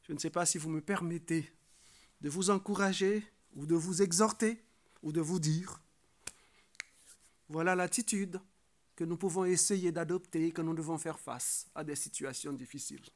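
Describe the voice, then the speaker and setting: A man preaching a sermon, earnest and exhortative, often tagging phrases with a questioning "hein" and lifting his voice to stress key points. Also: normal speed. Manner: earnest preaching, rises in pitch and volume for emphasis; frequent filler "hein".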